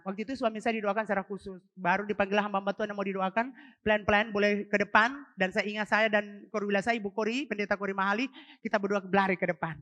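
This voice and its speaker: A middle-aged woman pastor speaks in a church service. She preaches with fervent feeling, turning again and again to her congregation. Her voice sits at an ordinary pitch for a woman. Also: a bit bright, dry recording. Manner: fervent, emotional, keeps addressing the congregation. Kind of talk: Pentecostal sermon testimony.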